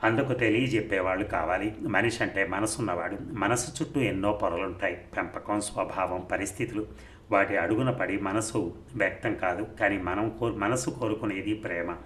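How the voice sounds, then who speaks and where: A man voicing a calm, wise young woman who speaks gently and philosophically in a storybook reading. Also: lowish voice, normal speed, lightly acted. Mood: reflective. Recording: roomy recording, faint noise.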